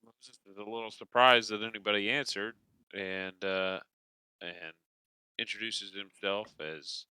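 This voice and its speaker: A man's voice: on the low side, sharp tone, smooth, no echo. A man playing a tabletop game, talking tentatively and joking. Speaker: player. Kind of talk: casual tabletop play.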